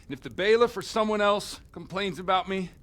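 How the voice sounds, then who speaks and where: In a video game cutscene, a scheming village priest with a hangover speaks dramatically and coarsely, groaning, panicky and wheedling as he schemes and pleads. His voice is fairly high, a bit bright, and fairly quick.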